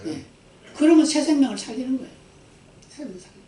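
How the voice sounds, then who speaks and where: A male pastor delivers a Sunday sermon in a high voice and often calls for the congregation's answer. The sound is roomy and echoey. He is heard from some distance, as if the mic sits far across the sanctuary. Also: lively intonation, fast talker, mellow. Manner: emphatic preaching, asking the congregation for responses. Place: church sanctuary. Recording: echoey church hall from a distance.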